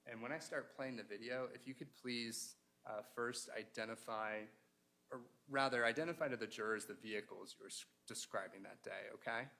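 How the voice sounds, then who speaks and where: A man questioning a witness as a prosecuting attorney in a courtroom, in a formal, procedural and halting way. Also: mid-range voice, gravelly, sharp tone. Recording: noisy courtroom pickup with room ambience.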